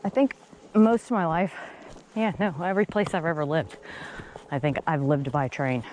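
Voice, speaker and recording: A solo hiker vlogger chats casually and rambles as she hikes a snowy trail, talking to her dog and her viewers with the slight effort of trudging through snow. Her voice is deep and a little mellow, at a moderate pace, and the outdoor recording is noisy and windy.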